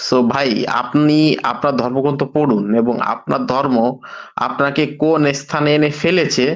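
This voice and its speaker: Man guest, mid-pitched, halting and lecturing, dull lo-fi remote audio. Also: fairly bright tone. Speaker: debate guest. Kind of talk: heated live debate.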